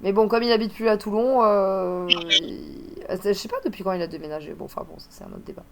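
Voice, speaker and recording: A woman chatting casually with a friend, animated and laughing often. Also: mid-range voice, a little fast, vocal fry, background noise. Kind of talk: casual chat.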